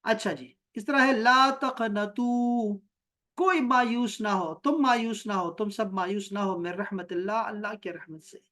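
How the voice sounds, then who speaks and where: This high-pitched, bright man speaks with a forceful tone while teaching Quran and Arabic grammar online by video call. He recites brief Arabic phrases at a slow pace, explains them with patience, and asks questions to verify what his students answer.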